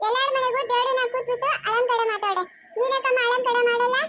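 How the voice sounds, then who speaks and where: A woman's voice: extremely high pitch, fairly even intonation, fast talker, a bit bright, no room sound, pitched above the performer's own voice. A woman voicing a bossy little girl who pesters her grandmother with whiny, demanding questions, in a Chikkaballapur Kannada accent. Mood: pestering.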